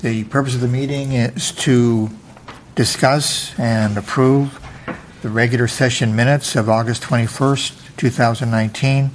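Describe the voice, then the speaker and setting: Man running a formal meeting, medium pitch. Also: fairly even intonation, unhurried. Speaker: meeting chairman. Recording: faint noise, meeting-room ambience.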